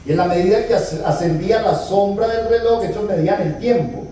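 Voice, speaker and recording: Priest in an echoey hall. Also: male voice, high-pitched, brisk, mellow. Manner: storytelling, acting out dialogue with humor. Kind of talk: retreat talk on scripture. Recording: echoey hall, distant mic, faint noise.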